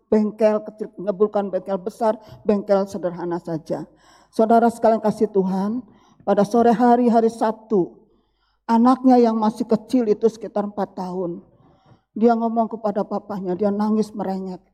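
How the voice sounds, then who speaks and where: A woman's voice: medium pitch, mellow. A middle-aged woman pastor preaching a sermon, phrases rising with emphasis and falling away at each line's end. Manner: addresses listeners as brothers and sisters, rising emphatic phrases dropping at the end. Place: church hall. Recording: long hall reverb.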